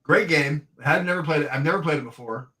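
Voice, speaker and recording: A man in his fifties co-hosting a casual hobby podcast, upbeat and quick to agree, telling stories in an easy way. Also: fairly high pitch, sharp tone. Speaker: co-host.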